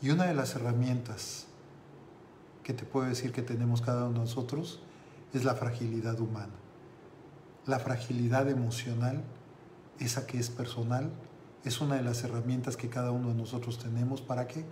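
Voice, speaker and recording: A man coaches his audience, speaking directly to them with slow, dramatic pauses. His pitch sits in the middle range. The room adds a noticeable echo, with faint ambient noise beneath. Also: steady tone, a little mellow. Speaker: motivational coach. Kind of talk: motivational storytelling talk.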